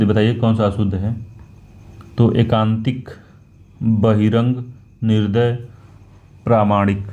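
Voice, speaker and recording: A man's voice: lowish voice, dark tone. Man going through test questions one by one, keeps repeating and fixing himself, sounds kinda muffled. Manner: slow and repetitive, correcting himself. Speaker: exam prep teacher.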